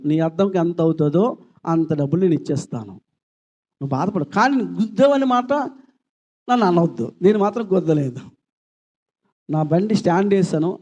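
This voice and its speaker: High-voiced male pastor preaching. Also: mellow, dull audio. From India. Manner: preaching with rising, impassioned emphasis. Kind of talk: sermon. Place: church service.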